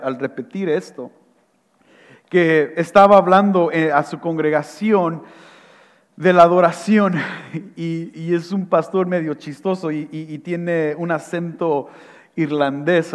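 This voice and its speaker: A man preaching a sermon, emphatic and rising to fervent peaks. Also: fairly high pitch. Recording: long hall reverb.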